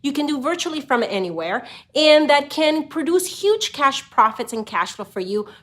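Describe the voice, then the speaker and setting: A middle-aged woman from Honduras speaks in a slightly high voice. She talks to camera in an easy, conversational way, often filling pauses with "you know." She sounds like a channel host telling her own story. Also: sing-song, a bit bright. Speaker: real estate investor and channel host. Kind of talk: casual direct-to-camera talk.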